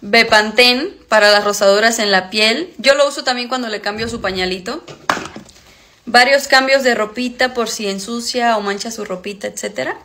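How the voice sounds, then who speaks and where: A woman's voice: fairly high pitch, moderate pace, bright, forceful tone. A woman in her twenties presenting a short list video to viewers indoors, with noise and clicks. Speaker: content creator, new mother. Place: small room indoors.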